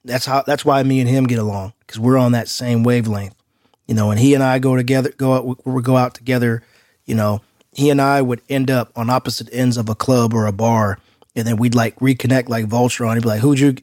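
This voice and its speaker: Male podcast co-host, outgoing, casual street slang, medium pitch, dry recording. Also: steady tone, fairly quick, a little mellow, no echo.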